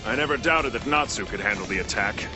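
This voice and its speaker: A man's voice: fairly low pitch, animated, fast, natural voice. Man as a proud anime wizard over music. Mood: firm, confident. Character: proud, unapologetic male anime wizard, firm and confident. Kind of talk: anime dub acting.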